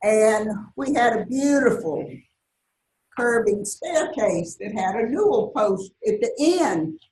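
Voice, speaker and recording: An older woman with a Southern US accent, a guest speaker, tells folksy anecdotes to an audience and laughs often. Her voice is fairly high, animated, slow and darkish, recorded with roomy echo, a distant mic and faint hiss.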